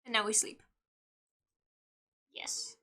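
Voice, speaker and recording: Playing a game live for her viewers, this young woman talks slowly and playfully. Every so often she erupts into loud bursts and fits of giggles.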